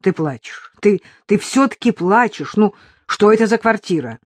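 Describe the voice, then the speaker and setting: Woman reader doing an eager male friend for an audiobook, exclamatory and lively, dry close sound. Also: medium pitch, normal speed, no echo, voice pushed up, close to an everyday voice. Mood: caring. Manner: exclamatory, excited. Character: cheerful loyal male friend on the phone.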